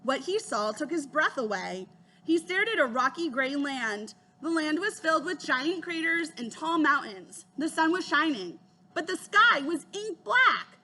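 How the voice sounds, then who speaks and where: A woman reading a children's chapter book aloud, giving the children's lines a higher voice. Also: big pitch swings, measured pace, sharp tone, slight background noise. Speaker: reader.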